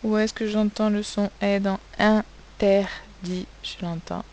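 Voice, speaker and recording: A woman with a mid-range, slightly mellow voice, a primary school teacher, leads a recorded phonics lesson for young pupils, spelling sounds out letter by letter. She speaks at a moderate pace with fairly even intonation, on a rough recording with a little hiss or hum.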